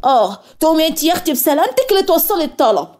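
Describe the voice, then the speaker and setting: A woman voicing a worried, scolding Egyptian mother, shrill and fussing, in a cartoon story. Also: sing-song, rapid-fire, a little mellow.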